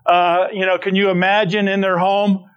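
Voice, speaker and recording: Middle-aged guy preaching, kinda high voice, rambly storytelling, lots of restarts. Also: little pitch movement, moderate pace, clean tone, muffled recording. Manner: conversational storytelling with frequent restarts. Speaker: pastor. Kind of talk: sermon.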